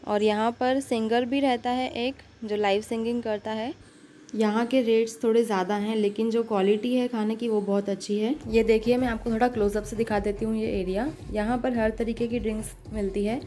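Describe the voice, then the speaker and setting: A woman's voice: fairly high pitch, fairly even intonation, fairly quick, dark tone, slight background noise. A woman with an Indian accent walking through a restaurant lounge, filming on her phone and chatting to viewers as she points out each area. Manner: chatty, guiding the viewer with repeated "look here". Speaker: vlogger. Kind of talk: casual restaurant tour vlog.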